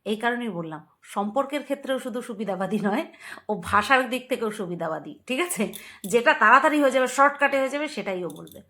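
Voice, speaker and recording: A woman's voice: fairly high pitch, expressive, fairly quick, bright, forceful tone. A woman vlogger chatting casually to her viewers, emphatic and playful, repeating words and laughing often. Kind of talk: casual commentary to camera.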